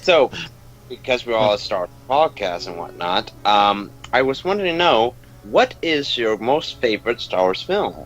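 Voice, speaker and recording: A man's voice: mid-range voice, big pitch swings, normal speed, a bit bright, dull audio, faint music behind. A man interviewing podcast guests with casual questions.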